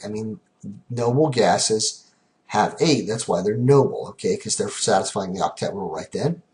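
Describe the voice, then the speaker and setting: Teaching chemistry on a recording, a mid-range-voiced man keeps things relaxed; he counts aloud at a slow pace and repeatedly checks with "okay?".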